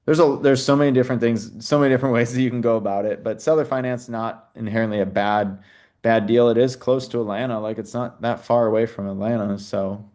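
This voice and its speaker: A man's voice: mid-range voice, steady tone, fast talker, a little mellow. A man hosting a live question-and-answer session, talking casually with many fillers. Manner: casual, chatty, plays sellers' lines in quotes, many "you know"s. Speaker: host. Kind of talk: live Q&A on a video call.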